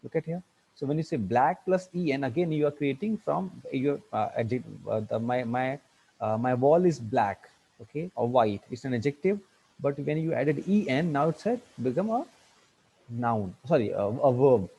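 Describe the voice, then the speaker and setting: A man teaching an online English grammar lecture, halting with many fillers and restarts, spelling words out letter by letter, over a video call. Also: medium pitch, animated, creaky, mellow, slightly rough, low-quality recording.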